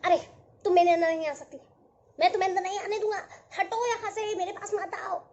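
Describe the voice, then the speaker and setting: A woman voicing a big, grumpy, stubborn male cloud who protests loudly and in a flustered way, for a children's storybook tale. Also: very high-pitched, a little fast, a little hiss or hum, voice pushed up. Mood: protesting. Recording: dull lo-fi audio.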